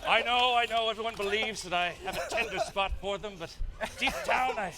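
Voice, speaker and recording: A man playing a solemn, self-important adventurer in live tabletop role-play, speaking deliberately and theatrically, on a noisy recording. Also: sits high, pitched above the performer's own voice, close to an everyday voice.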